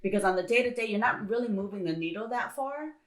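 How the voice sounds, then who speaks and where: A woman's voice: mid-range voice, expressive, fast, rough recording. A woman talking earnestly and encouragingly in a casual motivational chat, often repeating her points.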